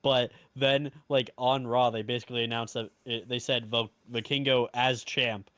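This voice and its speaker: A young man in a casual podcast chat, speaking at a mid pitch. He is chatty and keeps laughing as he makes his points. The recording is dry and close, with no room echo. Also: little pitch movement, normal speed, fairly bright tone. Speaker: podcast co-host.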